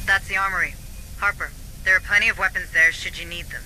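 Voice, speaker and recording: An actress plays an earnest, anxious corporate station official in a video game cutscene, guiding a marine squad by radio and shaken by the deaths she discovers. She gives a fast briefing in a fairly low, fairly even voice close to everyday speech. The background is noisy.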